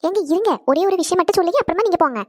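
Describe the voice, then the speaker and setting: A woman voicing a chatty young wife in a cartoon, scolding a little and talking fast. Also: very high-pitched, lively intonation, a little mellow, dry recording. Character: young wife missing her husband. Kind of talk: animated cartoon voice acting.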